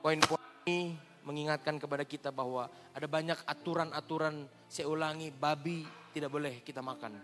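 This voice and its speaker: A woman from Indonesia preaching a sermon, lively and joking with the congregation, with big swings in pitch and loudness. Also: fairly quick, big-room sound, music in the background. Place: church hall.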